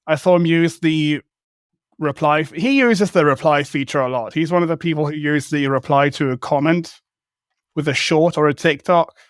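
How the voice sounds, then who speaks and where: A man co-hosting a podcast, talking casually and rambling, with restarts and offhand swearing. His voice sits a bit high. It is recorded close and dry, with no room sound. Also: normal speed, no echo. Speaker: podcast co-host. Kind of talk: casual chat.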